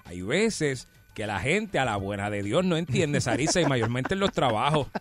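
A man's voice: mid-range voice, normal speed, soft background music. A man hosting a radio show, joking and teasing his co-hosts. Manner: animated, joking. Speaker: radio host. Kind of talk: radio banter.

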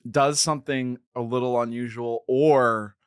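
A man in his thirties hosting a podcast, chatting in a relaxed way, laughing easily and drifting into rambling asides. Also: mid-range voice, measured pace, smooth, no echo, clean studio sound. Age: 30s. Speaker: podcast host. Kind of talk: casual podcast chat.

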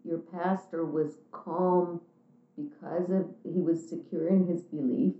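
A woman's voice: lowish voice, steady tone, takes it slowly, dark tone. A woman being interviewed, talking in a frank, chatty way in a casual conversation. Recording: echoey room, tinny phone-like sound.

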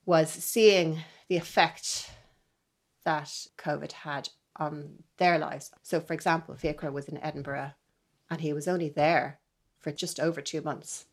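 A woman's voice: sits low, steady tone, a little slow. A middle-aged woman, a violinist guest talking earnestly and reflectively in an interview, sometimes dropping to a near-whisper. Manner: earnest, wondering, trails into soft near-whispers.

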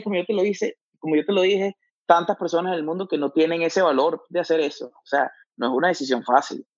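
A man from Venezuela with a Venezuelan accent, talking as an interview guest in a halting way, restarting often and slipping in English words. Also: on the high side, no echo, highs cut off. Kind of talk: casual interview talk.

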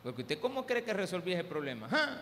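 Very animated and brisk, this male pastor speaks in a high-pitched, slightly bright voice with a Salvadoran Spanish accent. His church-service sermon is full of humorous personal tales and repeated calls of "hermano," echoing with long hall reverb above faint background noise.

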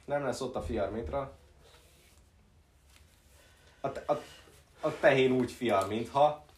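A man's voice: mid-range voice, echoey room, distant mic. A young man co-hosting an amateur internet radio show, chatting loosely and making up rhymes. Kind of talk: casual chat, improvised rhymes.

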